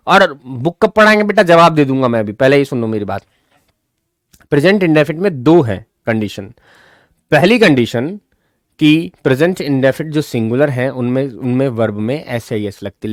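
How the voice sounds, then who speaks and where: A man teaching English grammar in an explanatory lesson. He keeps checking that his listeners follow, calls them child, and repeats example sentences slowly. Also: medium pitch, no room sound, clean studio sound.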